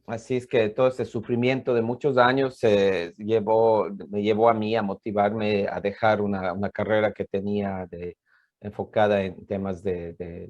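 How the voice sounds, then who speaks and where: The recording is muffled, and the man's voice sits on the low side with a darkish tone. A professor with an Ecuadorian Spanish accent, he explains things informally at a conference, hesitating and frequently repeating himself.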